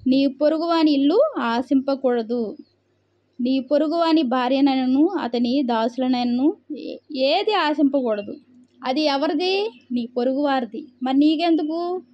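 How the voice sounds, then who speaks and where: A woman's voice: high voice, measured pace, dull audio. A woman preacher reading scripture aloud and explaining it, asking rhetorical questions and answering them herself. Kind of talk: Bible reading and sermon.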